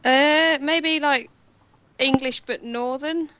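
A woman's voice: high-pitched, slow, bright, forceful tone, no echo. A woman playing a casual accent-guessing game with friends, giggly and laughing a lot.

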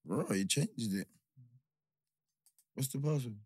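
A London man with a roadman accent and a medium-pitched voice. He hosts loosely in casual street slang and often doubles up words and phrases. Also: expressive, slow pace, darkish tone, husky. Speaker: show host.

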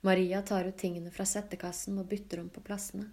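A female narrator reads a work of literary fiction from a script, sounding composed, level and low-key.

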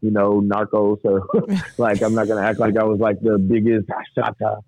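A man's voice: lowish voice, normal speed, no echo. A man, telling his story in casual talk, laughing often and acting out what others said. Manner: animated, laughs often, acts out quotes. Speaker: guest telling his testimony. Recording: dry tinny phone-like sound.

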